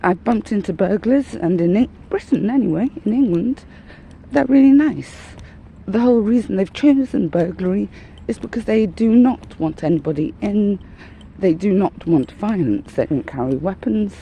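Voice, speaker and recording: A woman's voice: mid-range voice, lively intonation, moderate pace, mellow, a little hiss or hum, poor audio. A woman vlogging while out walking, out of breath, talking in a rambling, candid and wry way. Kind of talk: casual walking monologue. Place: outdoors, walking dogs. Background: faint outdoor ambience.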